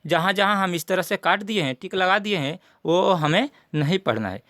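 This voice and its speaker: Male teacher, high-pitched, dry close recording, methodical and repetitive. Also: normal speed, pushed and bright, no echo. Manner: methodical, repeats points for students. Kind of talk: syllabus walkthrough lesson.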